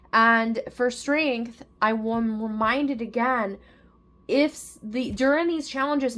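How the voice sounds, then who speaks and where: A woman with a fairly high voice gives a tarot reading to her viewers. She talks in a chatty, effusive way, full of enthusiasm, though her voice carries some tiredness. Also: a bit bright. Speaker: tarot reader.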